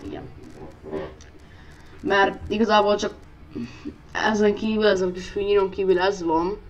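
A woman giving let's play commentary on a racing game, excitable and often shrieking at crashes, talking loudly into a poor microphone. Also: mid-range voice, dull audio. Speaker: gamer. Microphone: poor gaming mic, speaking loudly into it. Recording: distant mic with faint noise.

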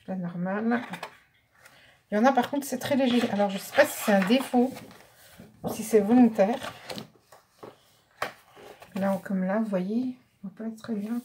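A woman's voice: on the high side, measured pace, pauses often, darkish tone, slight background noise. A French woman vlogging a craft haul, chatting casually and thinking aloud as she pages through paper pads. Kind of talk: casual show-and-tell.

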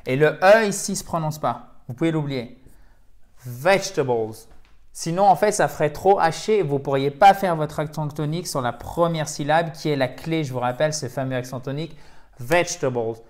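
Man teaching English, slightly high voice. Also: a little fast. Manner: explains patiently, checks in with "ok?" often. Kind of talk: language lesson for French speakers.

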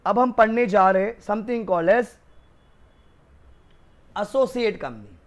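A chatty male law lecturer with a high voice and a Rajasthani Hindi style jokes his way through a story-filled class for accountancy students, calling them kids. He speaks slowly, and the new microphone gives a muffled sound.

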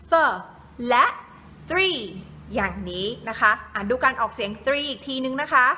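A woman English teacher giving a patient live-streamed pronunciation lesson, repeating words slowly for learners. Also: high voice, pushed and bright. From Thailand.

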